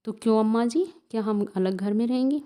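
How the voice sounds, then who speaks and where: Woman doing a village schoolboy, curious, eager, soft. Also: a little high, brisk, lightly acted. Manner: eager questions.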